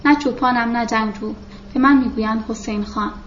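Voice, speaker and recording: Storybook rebel chief, a proud man, curt and defiant, read by a woman, fairly high voice. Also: fairly even intonation, a little hiss or hum, lightly acted. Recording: roomy, dull lo-fi recording.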